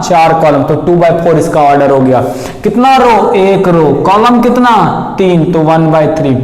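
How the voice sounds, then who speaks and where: High-voiced math teacher, echoey room. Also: male voice, a little mellow. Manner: repeats questions to the class and answers them himself. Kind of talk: classroom lecture. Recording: echoey room, long reverb.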